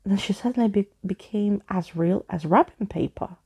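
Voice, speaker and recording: A woman's voice: medium pitch, moderate pace, mellow, slightly rough. Woman playing Skeleton Keys, a pompous old skeleton. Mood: grand, explaining. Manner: grandiose, alliterative, theatrical speech. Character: pompous, wordy old male living skeleton.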